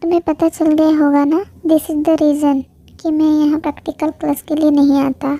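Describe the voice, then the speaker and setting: A woman performing an amateur fan dub of a romance story, voicing several characters with expressive, emotive delivery. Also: high voice, moderate pace, no room sound.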